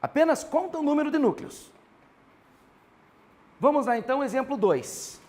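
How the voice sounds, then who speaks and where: A man with a Brazilian Portuguese accent teaching a grammar class, animated and constantly prompting his students to answer. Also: very high voice, moderate pace.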